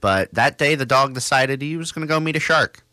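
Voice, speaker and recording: A man's voice: medium pitch, a little fast, bright, forceful tone, no echo, clean studio sound. A young man hosting a college radio show, chatting casually and telling stories in a rambling, self-correcting way. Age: young adult.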